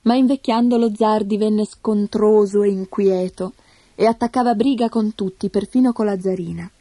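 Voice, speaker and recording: A woman narrating a fairy tale in a steady, measured scripted reading. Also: mid-range voice, dry recording, studio quality. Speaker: storyteller.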